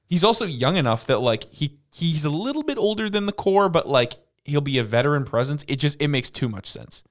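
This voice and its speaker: A man's voice: a little high, sing-song, a little fast. A man co-hosting a casual sports podcast, explaining and correcting facts with frequent laughs. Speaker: podcast co-host.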